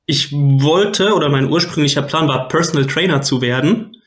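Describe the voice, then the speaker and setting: Relaxed Swiss-born man, echoey room. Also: a little high, moderate pace. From Switzerland. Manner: relaxed, laughs often, says "ne?" a lot. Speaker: guest, athletics coach. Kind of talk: casual interview answers.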